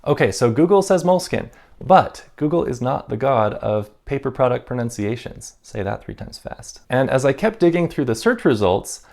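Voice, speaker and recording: Gravelly-voiced wry male vlogger. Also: medium pitch, sing-song, normal speed, darkish tone. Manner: wry, self-mocking. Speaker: stationery YouTuber. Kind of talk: casual vlog talk.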